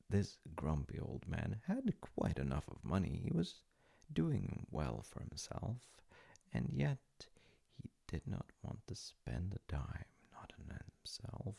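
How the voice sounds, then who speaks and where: A voice actor takes on the role of a gentle, playful dad telling a bedtime folk tale in intimate, comforting roleplay that sounds improvised. His low voice is husky and gravelly, with wildly swooping pitch, unhurried pauses and soft asides.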